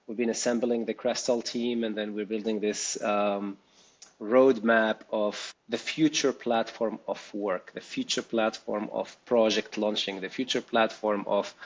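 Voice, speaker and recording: Tunisian-born guy being interviewed, thinks out loud, lots of ums. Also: on the low side, lo-fi sound. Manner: thoughtful, with frequent ums and restarts. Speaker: guest, startup co-founder. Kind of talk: interview conversation.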